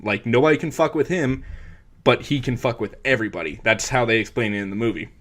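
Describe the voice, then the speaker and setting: Bright-voiced young man recapping a movie. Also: medium pitch, quick pace. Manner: rambling, filler-heavy retelling with bursts of impressions. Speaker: podcast co-host. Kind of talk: casual movie recap chat.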